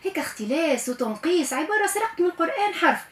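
A woman with a Tunisian accent teaching Quran recitation in a radio lesson, coaching patiently and stretching sounds out slowly to demonstrate them. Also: very high voice, sing-song, roomy sound. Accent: Tunisian Arabic.

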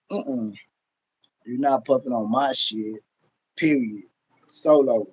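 A middle-aged American man with a mid-range, husky, slightly mellow voice rants casually on his livestream, blunt, profane and emphatically repetitive. He records on a phone or webcam at arm's length in a room at home, and the highs are cut off.

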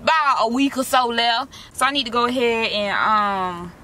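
A woman's voice: on the high side, steady tone, moderate pace, bright, forceful tone. A young woman, chatting to her viewers in a slangy, direct way while doing a face mask inside a parked car, recorded on a camera close in front of her. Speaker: vlogger.

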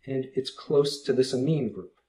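A man's voice: mid-range voice, moderate pace, dark tone. A man teaching a recorded chemistry lesson, walking through each step patiently and plainly, with small restarts. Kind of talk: recorded video lecture.

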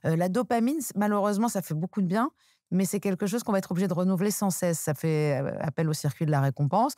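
A woman hosting a podcast, calmly explaining ideas in a reflective conversation and slowing down to stress her points. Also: fairly low pitch, dry recording, clean studio sound. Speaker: podcast host.

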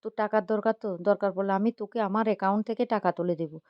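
A woman's voice: medium pitch, fairly even intonation, racing, clear, resonant tone, no room sound, soft background music, natural voice. A worried mother, put on by a woman reading a storybook tale aloud, repeating her demands in a rush. The sound is muffled and dull, with a dry, close feel. She presses hard on every plea. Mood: anxious, scolding. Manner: pleading, insistent repetitions. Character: worried, scolding middle-aged mother.

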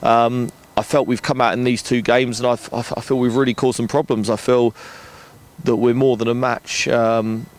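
A man in his thirties, a rugby director, speaking in a frank, measured way with many ums and restarts, outdoors at a floodlit ground at night into a handheld mic. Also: medium pitch, level tone. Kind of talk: post-match interview. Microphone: handheld interview mic.

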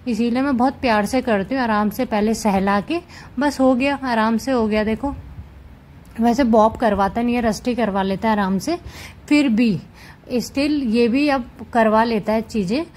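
A woman vlogging casually at home with her cats, chatting gently to viewers as she handles them. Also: on the high side, normal speed, slight background noise. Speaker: cat vlogger. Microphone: camera set up nearby.

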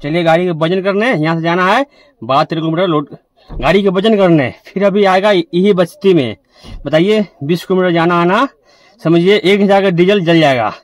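In a casual phone-filmed vlog, a young man who drives trucks speaks to his viewers from farm fields beside his truck, chatty and direct. He has a high voice, talks at normal speed, and there's no echo.

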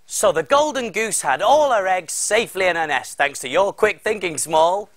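A man's voice: high-pitched, expressive, normal speed. An actor in his thirties playing a friendly, enthusiastic big cook in an exaggerated children's TV presenting style. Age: 30s. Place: TV studio kitchen set.

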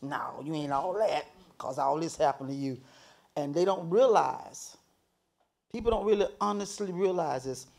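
A man's voice: fairly high pitch, moderate pace, gravelly, a little mellow. A man speaking as a guest on a panel, emphatic, with many call-and-response affirmations. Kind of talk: panel discussion.

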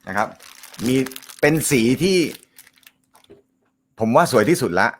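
A man with a loud, carrying voice runs a casual live show. He jokes, laughs often and chats his way through viewer comments. His pitch sits in an ordinary middle range. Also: lively intonation, slow, a little hiss or hum. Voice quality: naturally loud voice. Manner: joking, laughs often, chatty. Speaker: host of a snooker live show.

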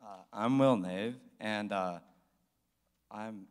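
A man's voice: on the low side, slow, clean tone, long reverb tail. A young man, a graduating student, introducing himself in a hesitant, apologetic way. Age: young adult.

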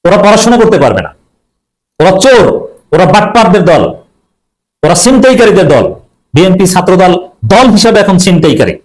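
A man's voice: sits high, sing-song, brisk, pauses often, low-quality recording. A middle-aged man giving an emphatic political commentary monologue, repeating slogans and adding mocking asides.

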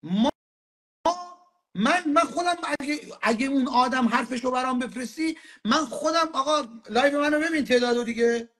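A man's voice: extremely high pitch, bright, forceful tone. A man as a guest in a live-stream conversation, insistent and often cutting in.

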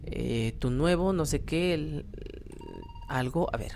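Background music runs under this young adult man's casual gameplay commentary as a gaming YouTuber host; he has a Mexican accent and is self-deprecating, rambling and thinking aloud. His voice is a little high, slow, creaky and darkish in tone, with slight background noise.

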